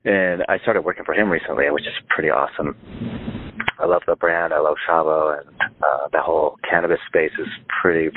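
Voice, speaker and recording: A low-voiced man in his fifties talks over a thin, phone-like line. He is from Northern California and chats loosely as a guest, circling back, restarting and dropping "like" as he goes. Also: steady tone, a little fast, slight background noise. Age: 50s. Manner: rambling, lots of "like" and restarts. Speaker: guest musician. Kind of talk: casual phone interview.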